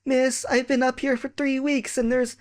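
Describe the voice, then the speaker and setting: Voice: high voice, little pitch movement, moderate pace, voice pushed up, natural voice. A reader voicing a whiny schoolchild who begs and pleads with the teacher. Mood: whiny pleading. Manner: nagging, begging.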